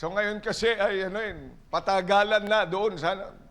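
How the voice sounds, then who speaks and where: A man's voice: sits high, steady tone, normal speed, a bit bright. A man pastor preaching a sermon in church, mixing earnest preaching with playful asides to the congregation.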